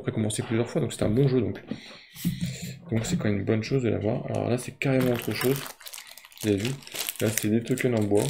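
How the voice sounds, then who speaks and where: A man's voice: lowish voice, gravelly, background noise. A man hosting a casual board game unboxing video, talking in a rambling way with many fillers and restarts.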